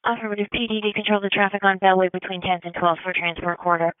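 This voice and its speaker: A woman working as a fire dispatcher, reading back information briskly and procedurally over a two-way radio. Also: medium pitch, fairly even intonation, slight background noise. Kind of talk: radio dispatch, clipped readbacks. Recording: narrow-band two-way radio transmission.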